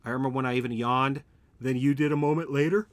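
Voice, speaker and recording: A man talks fast in a steady, mid-range voice while live-streaming a factory-building game, rambling and chatting with chat as he builds. There is no room sound at all.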